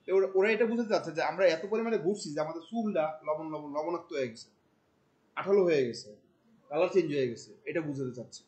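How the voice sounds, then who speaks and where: A man, teaching a class. He talks in a colloquial, animated way, firing questions at the students. He drops English terms into his explanations. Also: a little high, fast, highs cut off. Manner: questions the class often, mixing in English words. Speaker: marketing instructor. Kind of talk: classroom lecture.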